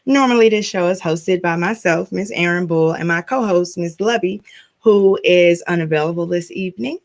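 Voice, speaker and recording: A woman hosts a podcast in a casual chat, teasing her guest and laughing often. Her voice sits on the low side, and she talks at a normal speed.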